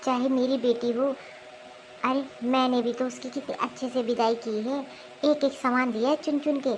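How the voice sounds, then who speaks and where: A woman voicing a remorseful, kind middle-aged mother-in-law in an animated cartoon, speaking earnestly. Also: sits high, slight background noise, lightly acted, low-quality recording.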